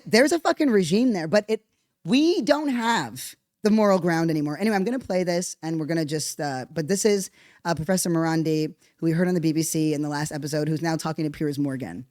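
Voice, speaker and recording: A podcast host talking casually and bluntly, reacting to a played clip with frequent swearing. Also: female voice, lowish voice, dry recording, clean studio sound. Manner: blunt, profane, animated. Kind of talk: casual commentary on played clips.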